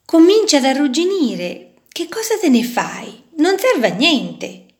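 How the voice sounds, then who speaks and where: A scornful fisherman exclaims loudly over a rusty screw, as a woman reading aloud plays him. His storybook lines come slow and swooping. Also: sits high, sing-song, voice pushed up, heavily acted. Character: gruff dismissive male fisherman.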